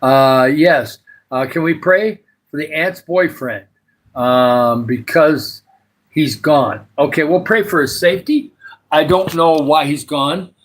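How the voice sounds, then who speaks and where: A man in his sixties hosts a casual live stream, rambling and meandering as he chats with viewers and prays for them. His voice is fairly high and a bit bright.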